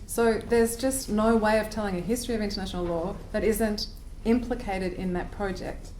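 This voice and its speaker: A woman's voice: mid-range voice, steady tone, normal speed, darkish tone. A woman speaking as a panelist in an academic discussion, thoughtful and wry, arguing through rhetorical questions. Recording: echoey hall with faint noise.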